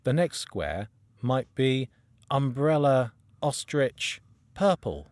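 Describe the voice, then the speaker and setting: A man's voice: mid-range voice, very animated, slow pace, a little mellow, dry recording. A man co-hosting a casual podcast chat, playful, with chuckling asides. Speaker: podcast co-host.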